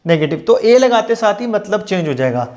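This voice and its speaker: A male English grammar teacher giving an exam-prep lesson. He explains in Hindi, reads the English examples slowly, and asks the class questions that he then answers himself. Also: sits high, sing-song, darkish tone.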